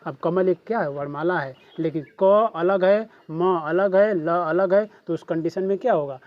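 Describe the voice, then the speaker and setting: This is a classroom lesson led by a Bhojpuri-accented man who keeps asking his students questions in return. He speaks at a moderate pace in a high voice, and the audio has its high frequencies cut off.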